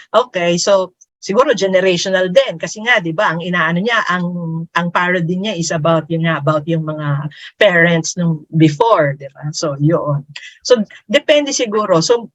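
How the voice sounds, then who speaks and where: A woman's voice: on the low side, fairly bright tone, no room sound, low-quality recording. A woman in her fifties, co-hosting a casual podcast chat, who laughs often and switches between Tagalog and English. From Philippines. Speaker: podcast co-host.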